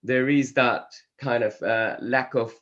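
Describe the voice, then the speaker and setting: A man with a cold and a croaky voice, presenting a conference talk over a video call in a measured, hesitant way. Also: medium pitch, fairly even intonation, a bit bright. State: hoarse from a cold. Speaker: conference speaker. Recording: dull lo-fi video call audio.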